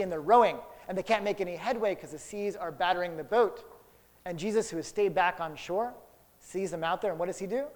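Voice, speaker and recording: A man preaching a sermon, telling a childhood story and then drawing Bible lessons from it, with big swings between loud and soft. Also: high-pitched. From Houston area. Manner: storytelling, dramatic swings in loudness. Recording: long hall reverb.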